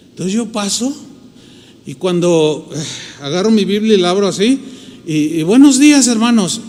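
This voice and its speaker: A Mexican pastor with a fairly high voice preaches and tells a story from his own life. He is animated and acts out the people he describes. His voice rings with the long reverb of a large church hall. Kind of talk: sermon with personal storytelling.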